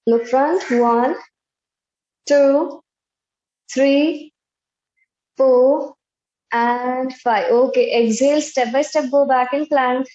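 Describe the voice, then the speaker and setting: A young woman in her twenties with an Indian accent, leading a live online yoga class in measured short commands and slow counts, over roomy, dull video-call audio. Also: high voice, fairly even intonation, warm tone. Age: 20s. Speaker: yoga instructor. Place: indoor bare room, online video class.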